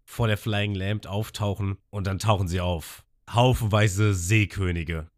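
In a fairly low, unhurried voice, a podcast host walks through an episode recap with casual liveliness, jumping into characters' dialogue in a louder voice.

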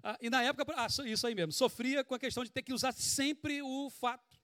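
A man with a Brazilian Portuguese accent preaching a sermon in a conversational, animated way, full of rhetorical questions, sweating as he speaks. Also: very high-pitched, a little fast, no echo, studio quality. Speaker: pastor.

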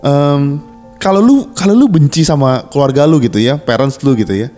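A man's voice: medium pitch, normal speed, darkish tone, soft background music. A man co-hosting a podcast in casual slang, speaking earnestly and frankly to listeners and often restarting his words. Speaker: podcast co-host. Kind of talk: casual personal chat to listeners.

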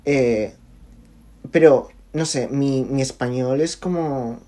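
A young man being interviewed in casual conversation, talking haltingly with many fillers and restarts. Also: mid-range voice, dark tone. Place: lives in Barcelona.

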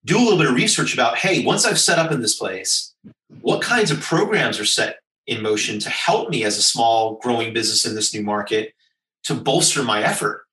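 This American business executive guest sounds animated and brisk, with a bright, forceful, medium-pitched voice. He answers interview questions emphatically, piling up persuasive advice in lists. Sitting a little back from the mic in a roomy space, he's recorded from a distance.

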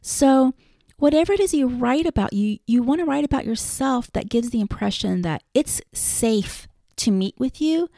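A woman's voice: sits high, animated, moderate pace, creaky, warm tone, no room sound, clean studio sound. A woman hosting a podcast, giving blunt, profane advice straight to her listeners in a ranting, casual way. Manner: direct address to listeners. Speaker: podcast host.

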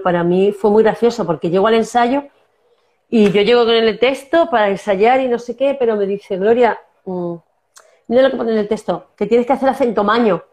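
An actress from Castilla-La Mancha, Spain, speaks with her region's accent as a guest in a casual interview. Her voice is medium-pitched and warm, and she tells stories while often restarting and leaning on fillers.

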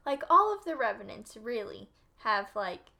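A woman's voice: a little high, big pitch swings, normal speed, creaky, pushed and bright. A woman co-hosting a podcast, chatting casually, laughing often and using many fillers. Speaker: podcast co-host. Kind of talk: casual chat.

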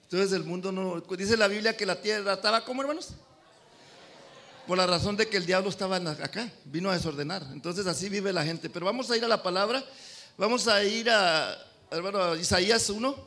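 A pastor preaching a sermon, swinging between loud and soft and calling out amen to the congregation. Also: male voice, high-pitched, fast, hardly any pauses. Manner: addresses congregation as brothers, calls amen.

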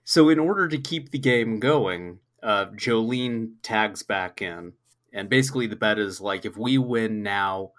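A man's voice: on the low side, unhurried, fairly bright tone. Sick man with a slightly cracking voice. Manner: loose, rambling and jokey, swears casually. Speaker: podcast co-host. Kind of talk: casual chat recapping an anime episode.

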